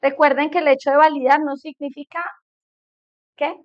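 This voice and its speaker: A woman's voice: high-pitched, level tone, normal speed. A middle-aged woman psychologist giving a conversational talk to a group of parents, often checking in with her listeners. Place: meeting room with an audience. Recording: dull lo-fi recording.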